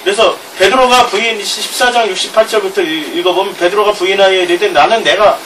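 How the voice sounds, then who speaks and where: A middle-aged pastor with a Gyeongsang Korean accent preaches a sermon, reading scripture aloud and chuckling in asides. His voice sits high, fast and a bit bright, with fairly even intonation, picked up by a distant mic with background noise.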